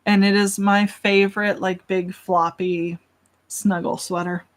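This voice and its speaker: A woman's voice: mid-range voice, flat delivery, a little slow. A young woman hosting a casual livestream, chatting and answering questions from chat in a self-deprecating way.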